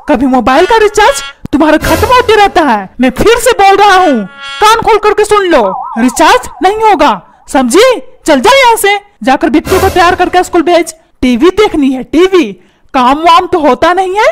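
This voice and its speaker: Woman doing a stingy cartoon dad, real high squeaky voice, bossy and yelling, some music under it. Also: expressive, normal speed. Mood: scolding. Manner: scolding, bossy, shouting orders. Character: grumpy stingy cartoon father, hot-tempered.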